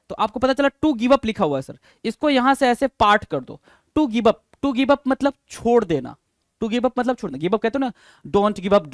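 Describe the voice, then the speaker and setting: A man's voice: extremely high pitch, dry recording, studio quality. Coaxing male vocabulary teacher. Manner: spells words letter by letter and keeps asking rhetorical questions; repetitive, coaxing, addresses listeners as sir and bhai. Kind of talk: exam-prep vocabulary lesson.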